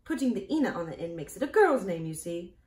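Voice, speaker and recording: A woman's voice: medium pitch, sing-song, fast, darkish tone, natural voice. A woman voicing an earnest, curious young farm girl in a storybook reading, with a raised, wide-eyed tone, in a roomy, echoey recording. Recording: roomy echo.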